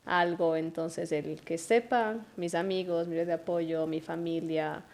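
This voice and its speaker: Animated woman telling personal stories. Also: lowish voice, unhurried, vocal fry. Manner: animated, acts out her child's voice with laughs. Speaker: podcast guest. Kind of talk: conversational storytelling.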